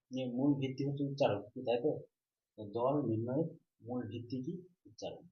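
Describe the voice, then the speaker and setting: A man's voice: mid-range voice, warm tone. Man teaching a grammar lesson. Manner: repetitive question-and-answer teaching, drawn-out syllables. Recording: roomy, slightly dull recording.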